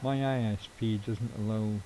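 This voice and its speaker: Rambling man, mellow voice. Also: fairly low pitch, steady tone, normal speed, a little hiss or hum, poor audio. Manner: rambling, swears casually, chuckles at own jokes. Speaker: streamer. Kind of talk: casual live-stream chat while gaming.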